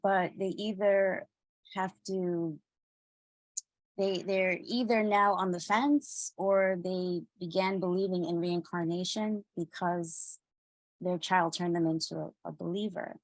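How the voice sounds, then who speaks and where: A woman lecturer talking through a recorded lesson, slow and deliberate with pauses and restarts. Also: on the low side, steady tone, no room sound, poor audio.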